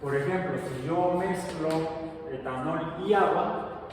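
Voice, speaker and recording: A man's voice: a little high, far from the mic. Man teaching in an echoey hall. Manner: explanatory, halting with many fillers. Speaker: science teacher. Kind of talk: classroom lecture. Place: large echoey classroom. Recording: very echoey hall, faint background noise.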